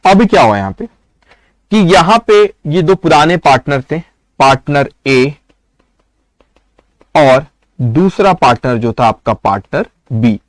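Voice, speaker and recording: High-pitched guy teaching an accounting class, bursts into acted-out bits, dry close mic. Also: dry recording. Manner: storytelling, acts out scenes with raised excited voice. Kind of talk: recorded lecture.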